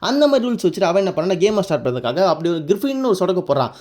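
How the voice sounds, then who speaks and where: A YouTube anime recap narrator, a man with a high-pitched, darkish voice and big pitch swings, recaps a story in rapid-fire fashion. He's casual and informal, rambling along and mixing in English words.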